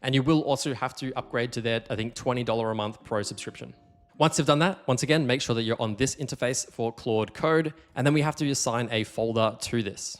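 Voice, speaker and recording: A man with a medium-pitched voice hosts a casual software tutorial, explaining things conversationally and stressing the key points.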